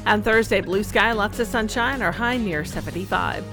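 A woman's voice: medium pitch, normal speed, low-quality recording. A woman meteorologist reading a scripted radio weather forecast with music behind her. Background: music bed.

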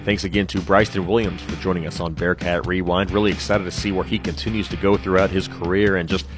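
A man's voice: deep voice, level tone, fast, over music. A man hosting an interview podcast in a friendly, easygoing way. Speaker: podcast host.

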